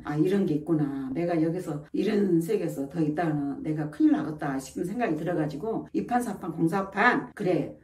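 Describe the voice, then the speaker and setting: A woman's voice: fairly low pitch, a little mellow. A woman sharing a life story in a casual, emphatic and heated way, speaking straight to her viewers. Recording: echoey room, voice somewhat far from mic.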